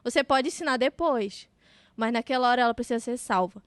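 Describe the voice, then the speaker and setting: High-voiced mother, dry close sound. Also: brisk, dry recording. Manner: explains parenting ideas thoughtfully, with examples. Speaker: podcast co-host and mother. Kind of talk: casual podcast chat.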